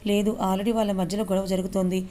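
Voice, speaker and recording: A woman's voice: medium pitch, flat delivery, fast, warm tone, close to an everyday voice. Woman doing a sneering scheming villainess. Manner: sneering, plotting.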